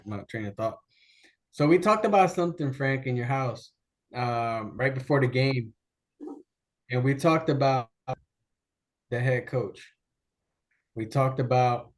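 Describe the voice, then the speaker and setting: Guy on a video call arguing football, mid-pitch voice, keeps restarting his sentences. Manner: opinionated, rambling with restarts. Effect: remote voice over a video call. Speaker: sports show co-host. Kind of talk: casual sports debate. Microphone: laptop video call.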